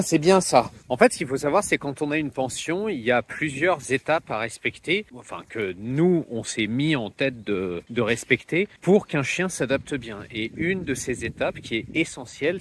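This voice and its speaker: A man's voice: on the high side, slight background noise. A young man who runs a dog boarding kennel, chatting playfully on a handheld phone outdoors and calling to the dogs. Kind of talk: casual vlog narration. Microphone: phone held in hand.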